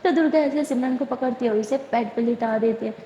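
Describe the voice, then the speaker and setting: High-voiced chatty woman storyteller. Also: warm tone, lo-fi sound, slight background noise. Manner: chatty, with filler "نا". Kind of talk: casual storytelling narration. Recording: echoey room with long reverb.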